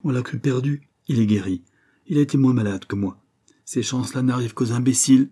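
A man's voice: medium pitch, a little fast, dark tone, slightly rough, pitched above the performer's own voice, close to an everyday voice. A man doing a reserved young wounded son. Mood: pleading. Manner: evasive, pleading.

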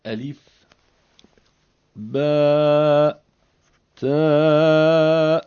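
A man reciting the names of letters slowly and deliberately, as a reciter. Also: a little high, clear, resonant tone, highs cut off. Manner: slow, deliberate, even delivery. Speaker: Quran reciter.

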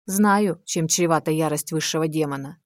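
A woman with a low voice narrates an audiobook in the first person. Her reading is steady and measured, and the sound is dry and close. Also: no echo. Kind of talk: scripted narration.

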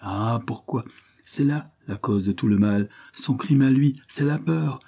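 A man reading aloud voices a calm, firm gentleman lawyer, steady and earnest. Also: medium pitch, measured pace, gravelly, husky, voice pushed up.

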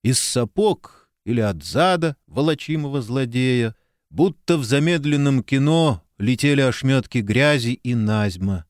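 A man reads a literary novel aloud in a measured, expressive way, at a middle pitch. The recording is dry and close, with no room sound. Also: dry recording. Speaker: audiobook narrator. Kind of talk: literary audiobook reading.

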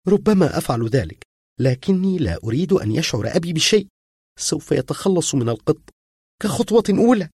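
A tearful, anxious young woman pleads in a raised, strained voice that leaps wildly up and down, as a man reading the story puts her on. The tone is husky and dry, and her worry keeps boiling over. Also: a little high, sing-song, a little fast, a little mellow, dry recording, pitched above the performer's own voice. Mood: distraught. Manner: pleading, rising to distraught outbursts. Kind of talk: audiobook reading.

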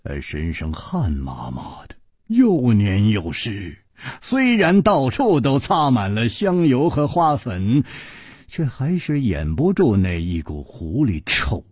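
A male storyteller narrating a martial arts tale in a lively, dramatic way. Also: medium pitch, slow, slightly rough, no room sound, clean studio sound.

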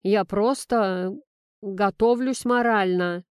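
A woman reading the lines of a rattled man who has just learned he has a daughter, in a slow, guarded voice. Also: medium pitch, clean tone, no room sound, clean studio sound, lightly acted. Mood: defensive. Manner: guarded, reluctant. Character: rattled grown man, a new father.

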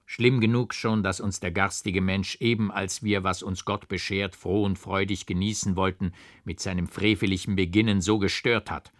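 A man's voice: low-pitched, steady tone, moderate pace, few pauses, no room sound, clean studio sound, natural voice. A man voicing a pious older forester who scolds sternly and speaks like a strict, fatherly host, read as a dramatic audiobook. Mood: calm fatherly. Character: pious stern old male forester, master of the house.

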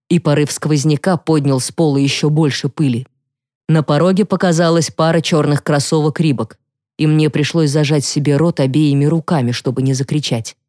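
A woman narrating a psychological thriller audiobook in the first person with a steady, measured reading. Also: low-pitched, dry recording, studio quality.

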